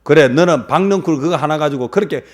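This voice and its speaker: A man's voice: a little high, quick pace, voice pushed up, lightly acted. A man voicing God as a stern father who rebukes with reproachful questions.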